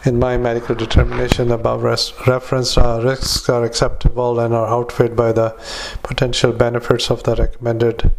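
Guy doctor talking into a dictaphone, super flat monotone, lots of uh pauses, says period out loud, bit of faint hiss. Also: mid-range voice, vocal fry. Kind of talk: medical dictation.

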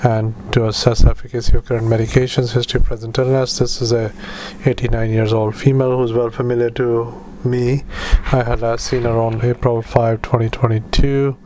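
A man speaking as a doctor doing medical dictation, in halting, clipped phrases with spoken punctuation. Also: mid-range voice, little pitch movement, mellow, slight background noise, rough recording. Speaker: doctor dictating clinical notes.

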